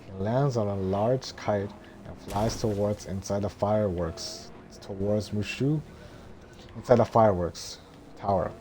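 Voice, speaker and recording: A man reading a film script as narration in a monotone, droning way, halting and stumbling over words. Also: fairly low pitch, a little hiss or hum.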